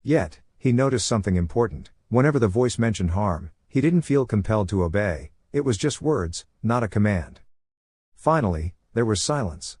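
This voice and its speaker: A man narrating a fan fiction story in an even storytelling read, voicing every character himself. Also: fairly low pitch, moderate pace, breathy edge, no echo.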